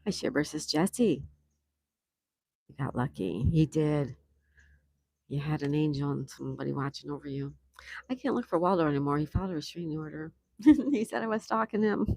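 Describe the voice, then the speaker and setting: Mellow-voiced older woman hosting a livestream. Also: sits low, normal speed, creaky, long pauses, no echo. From South Florida, USA. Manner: chatty, reads comments aloud, laughs often. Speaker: livestream host reading chat. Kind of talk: casual live-stream chat.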